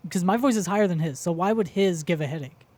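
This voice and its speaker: A young man co-hosts a relaxed podcast with quick, joking banter. His voice sits a little high with a nasal edge. He rattles through his stories at a brisk clip. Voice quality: nasal, higher voice. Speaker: podcast co-host. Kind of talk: casual chat.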